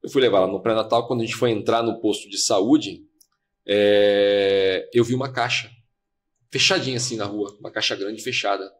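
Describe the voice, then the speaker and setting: A man's voice: on the low side, steady tone. A man, a podcast guest, earnestly telling a personal story and replaying conversations as they happened. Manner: fast, earnest, replays dialogue. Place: podcast studio.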